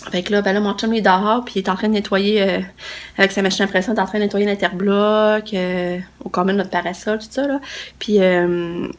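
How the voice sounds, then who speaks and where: This vlog clip has the young Québécoise woman talking briskly and flatly at medium pitch into a handheld phone. Stuffed up with a cold and worn out, she rambles casually to camera, full of fillers and restarts.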